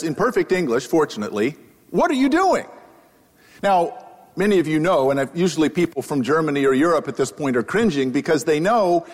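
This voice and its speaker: An economist gives a humorous storytelling lecture to the public, his slightly high voice wry and self-deprecating as he shares anecdotes. He wears a microphone, and the live talk carries a long reverb from the hall.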